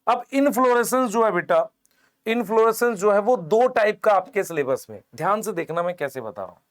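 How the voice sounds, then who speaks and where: A man's voice: sits high, animated, brisk. A man teaching a biology lesson for exam preparation, asking the class questions and answering them himself while drawing on a board. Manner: explains while drawing on a board, points with "idhar dekho". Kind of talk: online exam-prep lecture, Hindi mixed with English terms.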